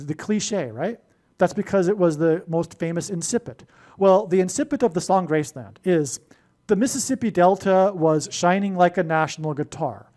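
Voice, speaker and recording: A man's voice: high-pitched, a little mellow. A man delivering a rambling solo monologue, full of digressions and restarts. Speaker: prophecy video host.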